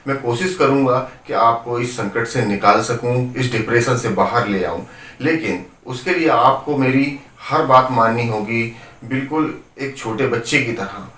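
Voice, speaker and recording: A man voicing a calm, firm male psychologist who gives measured, instructive orders while telling a story. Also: medium pitch, lightly acted. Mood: firm, reassuring. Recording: roomy, distant from the mic.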